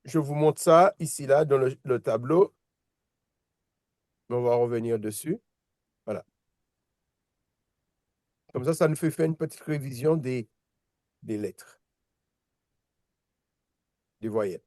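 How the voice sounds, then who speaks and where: A Hebrew teacher runs a casual language lesson, often restarting and repeating words and patiently asking "d'accord?" to check his students follow. His mid-range, slightly mellow voice takes things slowly with frequent pauses. The studio-quality recording is dry.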